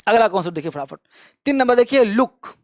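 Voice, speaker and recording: A man teaching an English lesson, drilling word lists at a brisk clip and calling his students kids. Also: high voice, expressive, no room sound, studio quality. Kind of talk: spoken grammar lesson.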